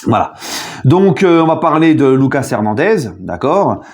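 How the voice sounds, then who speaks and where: A man chatting casually in a video debrief as a football fan, jokey and animated, with sudden loud outbursts. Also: mid-range voice, a little slow.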